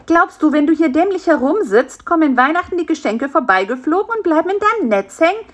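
A woman's voice: high voice, lively intonation, fairly quick, lo-fi sound, voice pushed up. A woman voicing a clever, pushy male fly who is impatient and full of plans, in a storybook reading. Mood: scolding. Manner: bossy, eager, talks people into plans. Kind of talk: storybook character voice.

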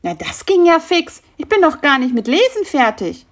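A woman's voice: high voice, big pitch swings, moderate pace, pitched above the performer's own voice. A woman voicing a cheeky, gloating little male fly in a perky, smug tone.

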